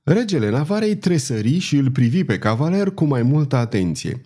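A man narrating a historical novel as an audiobook in a measured, expressive way. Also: mid-range voice.

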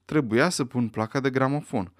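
A man reading aloud, voicing a panicky, servile middle-aged butler who pleads in a hurried way. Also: medium pitch, no echo, clean studio sound, close to an everyday voice. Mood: pleading.

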